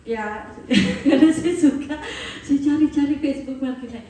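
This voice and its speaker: A woman's voice: high voice, measured pace, dark tone, a little hiss or hum. A woman preaching a sermon as she tells a story, acting out the quoted dialogue and laughing as she goes. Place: church hall. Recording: echoey hall, voice from far off.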